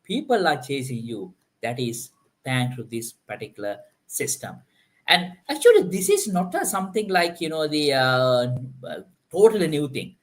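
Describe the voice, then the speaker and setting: A very animated man with a voice on the high side hosts a live stream panel chat at normal speed. He speaks loosely, packing in fillers like "like, you know," and often backs up to restart sentences.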